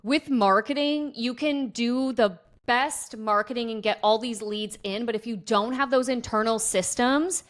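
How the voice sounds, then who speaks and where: A woman's voice: fairly high pitch, a little slow, hardly any pauses. A woman guest on a podcast, a business coach explaining her advice in an upbeat way, acting out client conversations. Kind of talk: casual interview chat.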